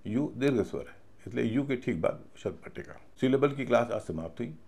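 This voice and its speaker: A man's voice: mid-range voice, expressive, brisk, gravelly, a little mellow, husky. A man teaching English pronunciation in a video class, talking patiently and methodically and spelling out words letter by letter. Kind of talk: video lesson lecture.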